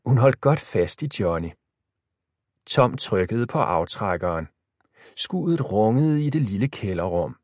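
A man narrating an audiobook story with expressive storytelling. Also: fairly low pitch, dry recording, studio quality.

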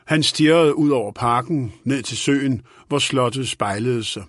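A man reads an audiobook in a calm, even, steady voice at a middle pitch. The recording is dry and close, with no echo.

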